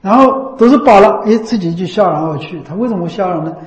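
A man's voice: high voice, lively intonation, fast. A man giving a Buddhist dharma talk to listeners in a recitation hall, repeating phrases and often checking with rhetorical questions. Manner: repetitive, asks frequent rhetorical tag questions. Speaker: Buddhist teacher. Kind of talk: dharma talk to a lay audience. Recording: roomy, slightly dull recording.

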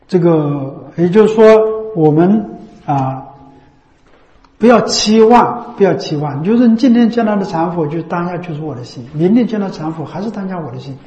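A man delivers a Buddhist dharma talk in a high, mellow voice, returning again and again to the same phrases and tagging points with rhetorical questions. The sound is roomy and a little dull. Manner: repetitive, asks frequent rhetorical tag questions. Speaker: Buddhist teacher. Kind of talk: dharma talk to a lay audience. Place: Buddha recitation hall. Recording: roomy, slightly dull recording.

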